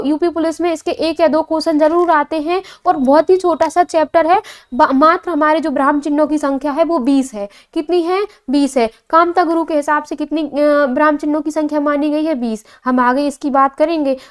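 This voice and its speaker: A young woman teaching an exam coaching lesson, asking a question and answering it herself and repeating key points with frequent fillers. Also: high-pitched.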